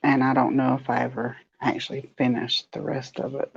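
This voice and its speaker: A woman's voice: a bass voice, completely flat delivery, fairly quick, vocal fry, dull audio. A woman with a Southern US accent hosting a crochet live stream, chatting casually with viewers and laughing often. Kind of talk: casual chat reading viewer comments.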